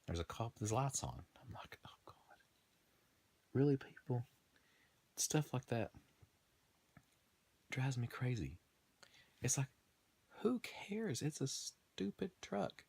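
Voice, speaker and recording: A man's voice: mid-range voice, big pitch swings, slow pace, gravelly, long pauses, darkish tone, breathy edge. A man in his thirties talking in a rambling, casual monologue, trailing off, restarting and laughing at himself. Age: 30s. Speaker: gaming video host.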